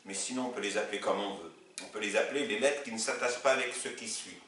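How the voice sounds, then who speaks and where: A man's voice: lowish voice, sharp tone. A man teaching a lesson at a board in a patient, repetitive way, often telling his students to look. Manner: patient, explains slowly with repetition, says "regardez" often. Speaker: Arabic teacher. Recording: echoey room from a distance, faint noise.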